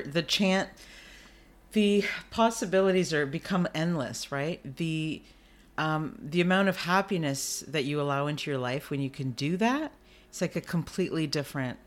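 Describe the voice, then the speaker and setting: A man's voice: a little high, normal speed. A man hosting an interview, enthusiastic and affirming toward his guest. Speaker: podcast host. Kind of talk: supportive interview talk.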